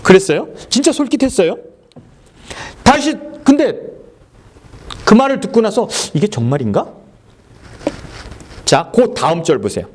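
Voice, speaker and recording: A male pastor preaching at a church service, animated and often quizzing the congregation with quick questions. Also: high-pitched, a little hiss or hum. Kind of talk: sermon.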